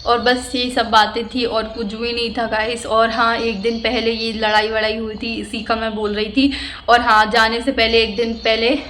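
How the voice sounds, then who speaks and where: A young woman with a high voice recounts a personal ordeal in a storytime vlog. She talks in an emotional, indignant way. A faint hiss runs under the recording. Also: flat delivery, moderate pace, fairly bright tone. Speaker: vlogger.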